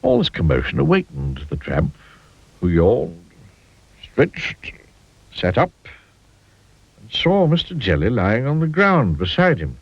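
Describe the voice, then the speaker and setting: A man reading a children's storybook aloud in an expressive, playful way. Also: fairly low pitch, slow pace, gravelly, pauses often, breathy edge, no echo. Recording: dull lo-fi audio.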